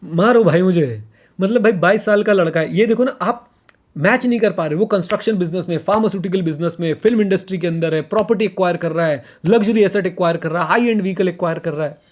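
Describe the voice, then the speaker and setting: Man, podcast co-host, casual talk, emphatic, repeats himself, slightly high voice. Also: fast talker. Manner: emphatic, repeats points, mixes in English phrases.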